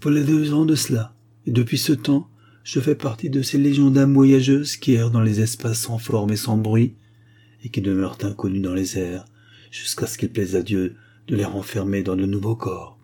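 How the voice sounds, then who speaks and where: Husky low-voiced male audiobook reader. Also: moderate pace. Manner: expressive, swelling with emotion. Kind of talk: literary audiobook narration.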